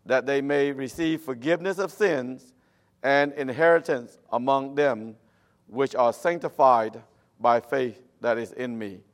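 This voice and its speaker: Male missionary preacher, Cambodian accent, Khmer native, halting sermon delivery in non-native English. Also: mid-range voice, a bit bright. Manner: halting, with nonstandard English phrasing. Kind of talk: church sermon.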